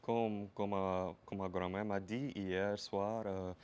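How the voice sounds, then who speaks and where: A man with a Louisiana Cajun-Creole French accent hosting a casual interview, speaking haltingly and repeating his phrases. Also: fairly low pitch, little pitch movement, a little mellow, muffled recording, a little hiss or hum. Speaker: interview show host.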